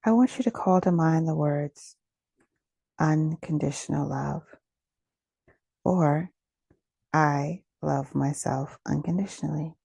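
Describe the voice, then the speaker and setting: A woman's deep, soft, breathy voice carries a guided meditation, delivered in a soothing, gentle, unhurried way with pauses between phrases. No room sound comes through.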